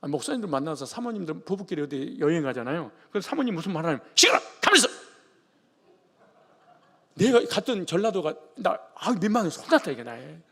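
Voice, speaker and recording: A man from the Jeolla region preaches in a loose, joking, conversational way. His voice sits high for a man and has a gravelly edge. A long hall reverb trails behind every phrase. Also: very animated, fast, few pauses. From Jeolla region, Korea. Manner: colloquial, joking preaching style. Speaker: pastor. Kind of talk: sermon.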